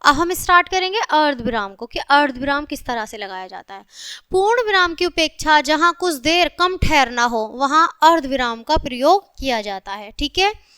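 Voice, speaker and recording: Woman teaching kids grammar, high bright voice, dry close sound, keeps checking in with the class. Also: expressive, normal speed, no room sound. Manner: repeats "ठीक है" as a check-in, reads example sentences aloud. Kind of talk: classroom grammar lesson for children.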